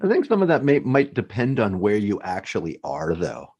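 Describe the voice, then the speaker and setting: Guy hosting a radio show, lowish voice, easygoing, tosses in jokes. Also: huge pitch swings, moderate pace, darkish tone, breathy edge, lo-fi sound. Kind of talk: casual interview chat.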